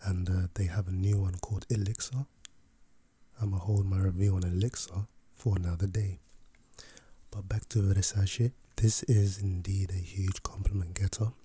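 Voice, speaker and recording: A man playing a laid-back, chatty fragrance salesman in a soft, breathy ASMR role-play for ASMR, with an unhurried, casual patter. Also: low-pitched, level tone, slight background noise, natural voice.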